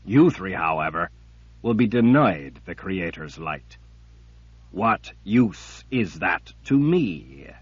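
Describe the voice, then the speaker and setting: A man's voice: sits low, sing-song, slow, breathy edge, no echo, full character voice. A man doing a cold, menacing emperor villain. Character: cruel, patient male emperor villain. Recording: dull lo-fi recording.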